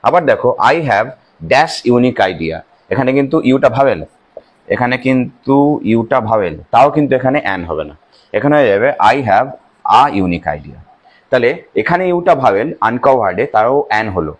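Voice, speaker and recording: A man's voice: mid-range voice, animated, a little fast. A man with a Bengali accent explaining English grammar to students, asking questions and answering them himself and repeating key phrases.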